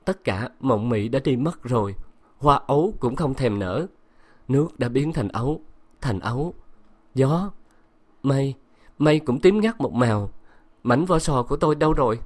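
A man's voice: medium pitch, lively intonation, normal speed, pauses often, a little mellow, lightly acted. A man voicing a delirious, feverish young woman who drifts in dreamy, wandering speech.

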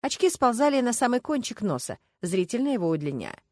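A woman reading an audiobook in lively, ironic scripted narration. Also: on the high side, brisk, no room sound, clean studio sound.

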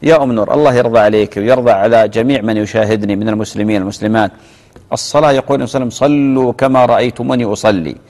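A man's voice: mid-range voice, racing, big-room sound. A man, a religious scholar on live TV reading out viewers' questions and answering them, often repeating his key phrases. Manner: reads out callers' questions, then answers with gentle repetition. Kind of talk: live TV fatwa Q&A. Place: television studio.

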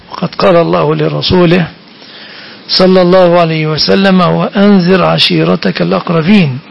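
A man's voice: sits high, creaky. A man giving a sermon-style Quran commentary, quoting verses and repeating phrases for emphasis. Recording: dull lo-fi recording.

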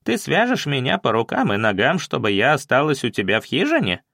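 Мужчина озвучивает упрямую старую деревенскую женщину, которая насмешливо и с вызовом спорит с вождём и знахарем. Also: male voice, medium pitch, huge pitch swings, fairly quick, vocal fry, sharp tone, no room sound, clean studio sound, full character voice. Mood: defiant. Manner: mocking, defiant. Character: stubborn defiant old village woman.

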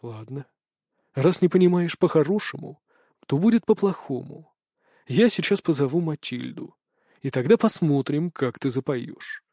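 Man voicing a gruff aristocratic father. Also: fairly high pitch, normal speed, a little mellow, no echo, studio quality, close to an everyday voice. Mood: cold. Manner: blustering, then cold and threatening. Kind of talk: audiobook character voice.

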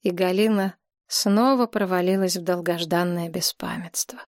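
A woman reading an audiobook as narrator, in steady, even storytelling. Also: on the low side, moderate pace, no room sound, studio quality. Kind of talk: scripted narration.

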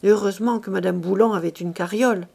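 A woman reading a classic novel aloud as an audiobook, measured and expressive. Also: mid-range voice, gravelly. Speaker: audiobook reader.

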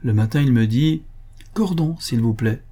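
A man's voice: mid-range voice, moderate pace, dark tone, close to an everyday voice. A man voicing a talkative male concierge who is deferential and emphatic, eager to reassure his listener.

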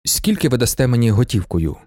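A man's voice: mid-range voice, brisk, no echo, clean studio sound, lightly acted. A man voicing an agitated aging aristocrat who is theatrical and easily worked up in a storybook reading. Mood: indignant. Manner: excitable and theatrical, swinging between indignation and gushing gratitude. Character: agitated aging male aristocrat, proud and pitying himself.

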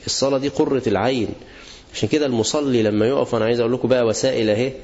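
A man's voice: medium pitch, darkish tone. A man with an Egyptian accent teaching a religious lesson to students, asking the class questions and answering them himself. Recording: dull lo-fi recording.

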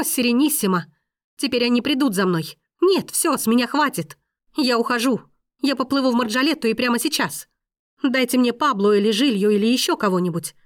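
Woman doing an enraged young heroine, high and loud, shrill outbursts, dry audiobook read. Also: no echo, natural voice.

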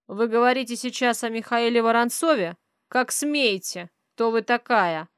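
A woman voicing an angry, broad-shouldered rich man who booms indignantly in an audiobook. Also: normal speed, clean tone, dry recording, studio quality, close to an everyday voice. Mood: outraged. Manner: loud, booming, indignant. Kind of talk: audiobook character voice.

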